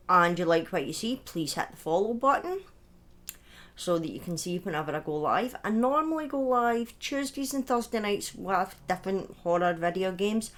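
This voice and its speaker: A woman with a fairly low, fairly bright voice hosts a livestream, chatting informally to viewers. As a streamer and storyteller, she's talkative and self-deprecating. Now and again she throws in a swear word.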